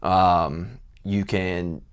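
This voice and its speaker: Male coach guest, low voice, earnest and reflective, talks in long, rambling answers. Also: steady tone, extremely slow, clean tone. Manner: earnest, lots of fillers and restarts. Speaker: high school basketball coach. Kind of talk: interview answers.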